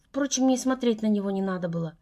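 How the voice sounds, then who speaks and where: A woman narrating a novel in the first person for an audiobook, in a measured, earnest storytelling voice. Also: mid-range voice, mellow.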